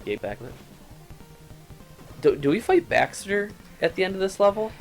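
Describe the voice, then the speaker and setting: A man's voice: sits high, very animated, moderate pace. Brief: man, laid-back co-host, dry humor, casual game chat, faint music in the background. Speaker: co-host playing a retro game. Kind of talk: casual let's-play banter.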